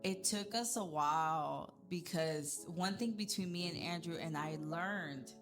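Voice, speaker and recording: A woman's voice: on the low side, measured pace. A young woman chatting casually as a podcast guest, telling stories and acting out what people said. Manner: animated storytelling, acts out quotes. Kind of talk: casual chat. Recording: echoey room with music behind.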